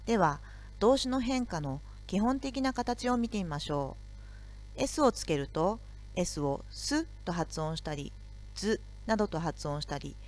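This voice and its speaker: A woman teacher giving a recorded video lesson, explaining grammar slowly and carefully. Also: medium pitch, animated, darkish tone.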